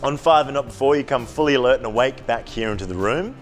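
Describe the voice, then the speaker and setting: A man performs as a comedy hypnotist. His patter is very quick and circles back on suggestive phrases, in a middle-pitched voice. Faint music plays behind him. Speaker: stage hypnotist.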